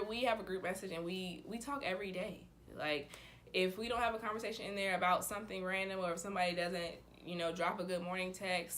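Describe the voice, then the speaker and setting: A woman's voice: fairly low pitch, a bit bright, a little hiss or hum. A woman in her twenties chatting casually to camera in a bubbly, enthusiastic sorority-girl manner. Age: 20s. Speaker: vlogger, sorority member.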